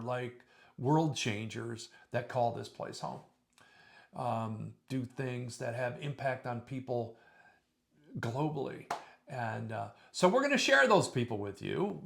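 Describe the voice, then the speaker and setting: A man's voice: mid-range voice, gravelly. A man in his fifties from Michigan co-hosting a podcast in upbeat, loose casual chat, often restarting his sentences. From Traverse City, Michigan, US. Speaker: podcast co-host.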